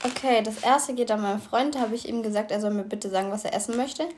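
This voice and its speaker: A young woman with a high voice, cheerfully chatting on a podcast. She laughs a lot and talks in a relaxed, casual way. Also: fast, a little hiss or hum. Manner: bubbly, laughs often. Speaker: podcast co-host.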